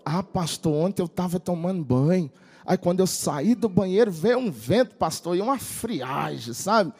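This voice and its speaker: A man voicing a young man who has nearly lost his voice and speaks hoarse, nasal and faint. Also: high-pitched, expressive, normal speed, darkish tone, long reverb tail, voice pushed down, full character voice. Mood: hoarse, complaining.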